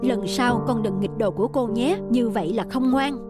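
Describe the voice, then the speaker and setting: A performer voicing a calm, kind young father in a children's cartoon, speaking in a gentle, soothing way. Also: mid-range voice, normal speed, loud music behind the voice, lightly acted.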